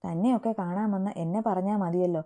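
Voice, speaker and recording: A woman's voice: mid-range voice, fairly even intonation, a little fast, mellow, natural voice. Woman reading a sulky, sarcastic young woman. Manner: pouting, sarcastic.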